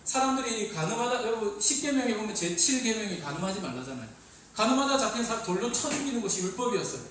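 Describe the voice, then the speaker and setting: High-voiced man preaching in an echoey hall. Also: fast talker. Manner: lively, calls on listeners to read along. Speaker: youth pastor. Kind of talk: sermon. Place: church hall. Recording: very echoey hall, distant mic, faint hiss.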